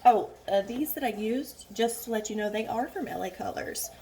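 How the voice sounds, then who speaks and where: A woman casually chatting through a makeup tutorial at home, rambling and frank, a little hoarse, recorded on a phone. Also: on the high side, expressive, moderate pace, dark tone. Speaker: beauty vlogger. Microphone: phone camera.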